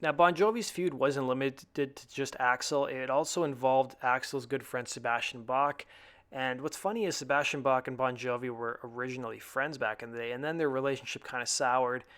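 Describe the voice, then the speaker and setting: A man's voice: mid-range voice, fairly even intonation, normal speed, fairly bright tone. A man hosting a rock news channel, reading articles and quotes aloud in a conversational way with the odd "uh".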